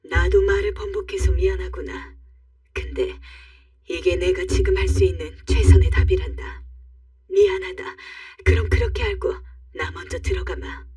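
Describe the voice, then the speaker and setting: A woman voicing a stern older mother-in-law who speaks in a cold, measured way in a radio-story reading. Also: medium pitch, very animated, mellow, no echo, studio quality, recorded from a distance, faint music behind.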